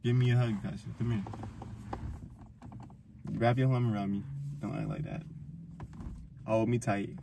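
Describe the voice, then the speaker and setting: A man's voice: fairly low pitch, vocal fry, background noise. A man hosting a vlog, teasing and rambling jokily through a blindfolded date skit. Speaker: vlog host.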